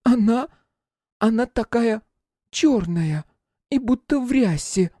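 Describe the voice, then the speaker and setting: A man reading an audiobook, voicing a frightened, simple-minded young village woman in a high, pleading voice. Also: animated, slow, dark tone, no echo, clean studio sound, full character voice. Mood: fearful.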